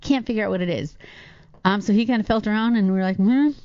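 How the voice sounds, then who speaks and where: Speaking fast in a smooth, slightly mellow mid-range voice, a podcast co-host in her late forties chats openly about her life in a relaxed conversation, laughing readily. The recording is dry, with the highs cut off.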